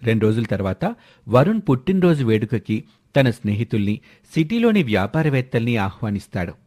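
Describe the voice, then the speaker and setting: A man narrating a family story in a steady, even manner. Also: mid-range voice, a little fast.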